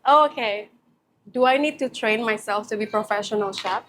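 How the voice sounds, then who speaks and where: A woman's voice: mid-range voice, normal speed, fairly bright tone, slight background noise. A young woman hosting a vlog, chatting playfully with a chef and asking curious questions. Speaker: vlog host. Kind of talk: casual chat. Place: restaurant kitchen.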